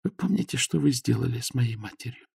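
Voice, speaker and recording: A man voicing a gravely wounded young woman who speaks weakly but clearly, in a faint, halting way. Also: mid-range voice, animated, a little mellow, no room sound, clean studio sound, voice pushed up, exaggerated voice. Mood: weak, tender. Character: dying young woman, weak and tender.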